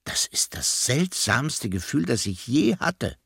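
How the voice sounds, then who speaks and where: A man voicing a puzzled, gentle male hedgehog in a children's audiobook, wondering and exclaiming. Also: mid-range voice, big pitch swings, takes it slowly, vocal fry, slightly rough, no echo, clean studio sound, heavily acted. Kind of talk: audiobook character voice.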